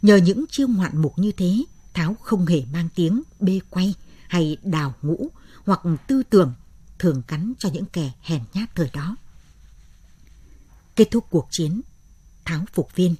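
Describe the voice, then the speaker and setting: Brief: measured woman narrator for a late-night story, low-pitched and breathy. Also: animated, mellow, no room sound.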